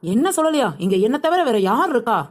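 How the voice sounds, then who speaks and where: A woman voicing a quick-tempered young female shopper in a comedic cartoon, firing back indignant retorts. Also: a little high, very animated. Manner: indignant, rapid-fire retorts.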